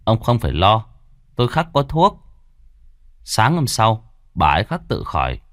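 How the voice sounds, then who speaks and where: A man voicing a blunt, coarse middle-aged exorcist who talks in quick, brusque retorts. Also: on the low side, huge pitch swings, fairly bright tone, no room sound, clean studio sound, exaggerated voice. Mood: calm.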